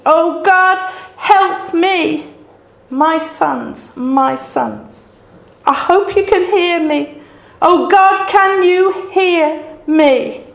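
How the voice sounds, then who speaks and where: A woman's voice: high-pitched, voice pushed up, exaggerated voice. A woman voicing a grief-stricken ancient mother who cries out, pleading and anguished, over her dead sons. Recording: roomy echo.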